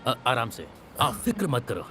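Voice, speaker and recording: A calm reassuring man. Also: mid-range voice, moderate pace, a little hiss or hum. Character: calm man, kennel owner and reassuring boss. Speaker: dub actor.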